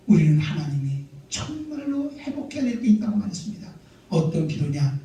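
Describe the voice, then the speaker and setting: A man's voice: on the high side, sing-song, a little fast, dark tone. A man, a pastor, preaching a sermon emphatically, full of rhetorical questions and repeated amens. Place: church sanctuary. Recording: very echoey church hall, mic far off.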